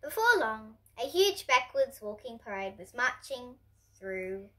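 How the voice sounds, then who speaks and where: Seated indoors at home before bookshelves, a girl of about ten to twelve hosts a storybook read-aloud for young children. She reads at a measured pace in a high, lively voice, performing expressively for her listeners. The recording quality is rough.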